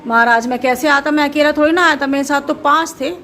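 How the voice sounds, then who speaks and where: A woman's voice: high voice, fast, a little hiss or hum. A woman voicing a clever little male rabbit who sweet-talks his way out of trouble. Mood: pleading. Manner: sweet-talking, flattering.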